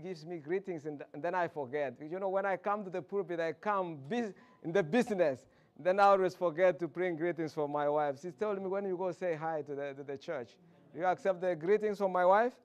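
A man's voice: high-pitched, fairly quick, lo-fi sound. A male pastor preaching a sermon in a folksy, chatty way, full of asides and repeated words. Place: church pulpit.

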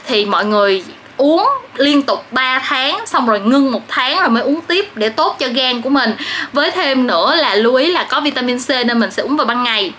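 A bright, high, animated voice rushes along with almost no pauses as a woman in her twenties casually entertains her vlog viewers. She speaks with a southern Vietnamese accent from the kitchen and living room of a small apartment, and household background noise is clear.

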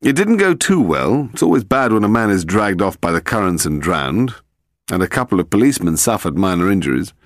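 A male reader voices a gentleman detective in an audiobook mystery, pitching him above his own natural voice yet still low, and speaking fairly quickly. The detective is calm and cheerful, explaining things with wry ease, in a lively melody with close, dry sound and no echo.

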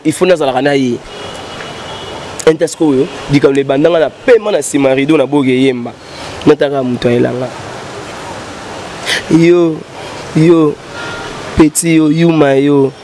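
A man in his thirties, a musician being interviewed, tells rambling stories into a handheld mic the interviewer holds at an outdoor studio set with a painted backdrop. His voice sits on the high side and is a little mellow, with a faint hiss or hum. Gesturing broadly, he flips between French and Lingala in fast, animated recollection.

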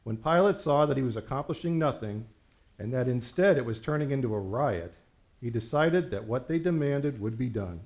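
A man giving a measured, reverent scripture reading in church. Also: medium pitch, expressive, a little mellow. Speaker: scripture reader.

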